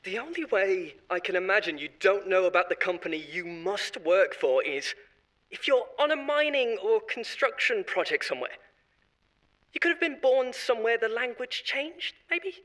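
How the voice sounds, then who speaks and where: In this audio drama monologue, an actor plays a self-satisfied ex-corporate consultant, a smug insider who chats away and laughs at his own jokes. He speaks at normal speed in a high, sing-song, fairly bright voice.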